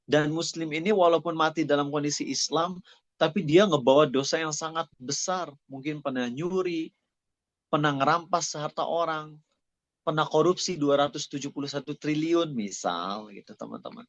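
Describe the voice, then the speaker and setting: A man's voice: fairly high pitch, moderate pace, no room sound. A male Islamic preacher giving a casual sermon to students, chatty and friendly, slipping English phrases into his talk.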